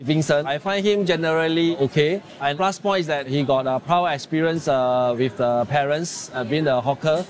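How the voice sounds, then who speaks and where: A man's voice: fairly high pitch, normal speed, hardly any pauses. A middle-aged man with a Singaporean accent, talking as a hawker stall owner in an interview. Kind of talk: interview talk.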